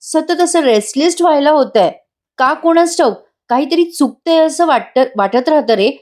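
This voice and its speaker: A woman's voice: high voice, animated, moderate pace, a little mellow, pitched above the performer's own voice. A woman reading out a troubled young pregnant woman's words to her brother, restless and wistful.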